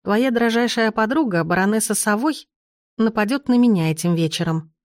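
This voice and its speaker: A woman's voice: mid-range voice, moderate pace, no room sound, studio quality, pitched above the performer's own voice, natural voice. A woman voicing a gloomy young noblewoman with a strange gift, speaking in a plaintive, pleading way. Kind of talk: audiobook character reading.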